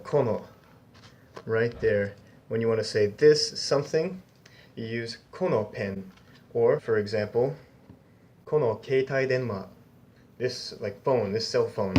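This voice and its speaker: A young man hosting a casual beginner Japanese lesson, chatty and upbeat, slowly repeating each new word for learners. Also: medium pitch, a little mellow. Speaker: Japanese language teacher, channel host.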